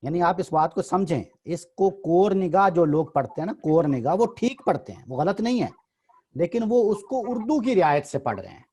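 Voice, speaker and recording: A man's voice: high-pitched, lively intonation, dark tone, husky. A man teaching in a literary discussion, patiently explaining and correcting pronunciation.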